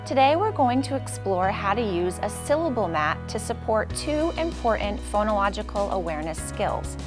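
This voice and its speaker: A woman host and teacher who explains a reading skill clearly, then coaches a child with patient, upbeat praise. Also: mid-range voice, very animated, normal speed, over music. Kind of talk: scripted teaching intro and one-on-one demonstration.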